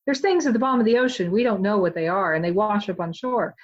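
A woman author being interviewed, talking in a chatty, animated way with many "like" fillers. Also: mid-range voice, fast talker, highs cut off. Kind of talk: casual interview chat.

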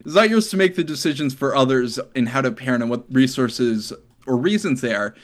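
A man's voice: mid-range voice, animated, fairly quick, a little hiss or hum. A man hosting a casual comedy podcast, reading forum posts aloud and laughing often. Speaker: podcast host.

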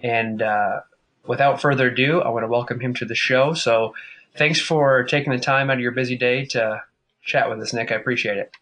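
A man's voice: mid-range voice, steady tone, moderate pace, fairly bright tone. Male podcast host, mid-range voice, friendly casual interviewer. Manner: upbeat, loose with fillers.

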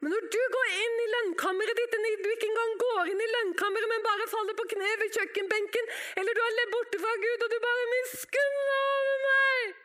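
A woman preaching a sermon to her congregation, impassioned and dramatic, swinging from loud cries to hushed whispers. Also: very high-pitched, steady tone, hardly any pauses.

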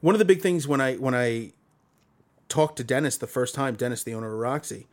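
A man's voice: medium pitch, animated, a little fast. A man from Brooklyn with a Brooklyn accent, chatting casually as a podcast guest and telling stories. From Brooklyn, New York. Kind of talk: casual conversational storytelling.

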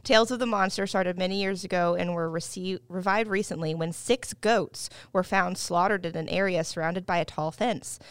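Smooth-voiced woman podcaster. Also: lowish voice, steady tone, no echo. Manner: rambling, halting with restarts. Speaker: podcast co-host and researcher. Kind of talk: casual podcast chat and reading aloud.

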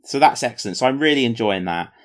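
A man's voice: mid-range voice, expressive, quick pace, fairly bright tone. A man co-hosting a casual podcast, chatting about tabletop wargames in a jokey, self-mocking, rambling way. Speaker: podcast co-host.

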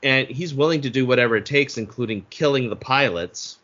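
Chatting casually about a movie on a podcast, this co-host talks briskly in a medium-pitched, fairly bright voice. He's profane and loose, restarting often, and the recording is dull, lo-fi podcast audio.

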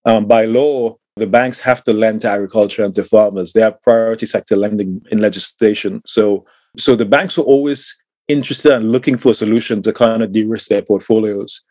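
Speaking a little fast in a warm, lowish voice with no echo, a middle-aged Trinidadian guest who works as a climate tech entrepreneur considers interview questions thoughtfully. He uses lots of fillers and repeats words.

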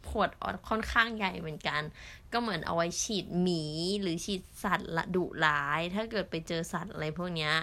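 A woman's voice: on the low side, sharp tone. Chatty young Thai woman vlogging. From Thailand. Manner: chatty, with many fillers and drawn-out pauses. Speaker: au pair vlogger. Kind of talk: casual storytelling vlog.

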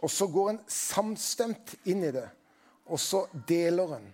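A man's voice: high-pitched, expressive, darkish tone. A man preaching a sermon as pastor, talking conversationally and putting questions to the congregation.

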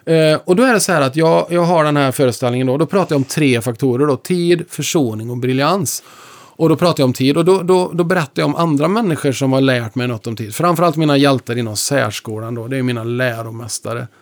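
A man with a mid-pitched voice tells stories in a relaxed conversation. He is a lecturer and musician with a lively, animated delivery. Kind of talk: conversational storytelling.

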